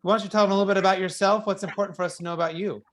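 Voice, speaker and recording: Male talk show host, slightly high voice. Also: fairly even intonation, racing, fairly bright tone. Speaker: radio show host and interviewer. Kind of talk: casual interview chat.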